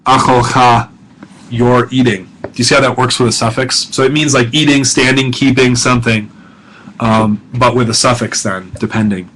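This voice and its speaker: A man's voice: mid-range voice, fairly even intonation, moderate pace, a bit bright, slight background noise, poor audio. A middle-aged male professor talking students through a grammar lesson, casual and self-correcting, with many fillers and check-ins. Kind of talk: recorded lesson narration.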